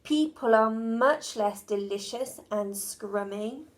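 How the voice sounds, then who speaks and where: A big, greedy storybook dragon that drags its words out in a slow, booming growl. A woman plays it, loud and hungry. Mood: gleeful.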